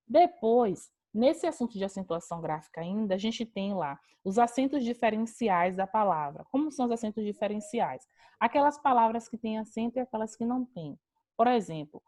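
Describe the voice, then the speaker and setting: A woman's voice: a little high, dark tone, dry recording. A young adult woman, teaching a grammar lesson over a video call and addressing her students directly.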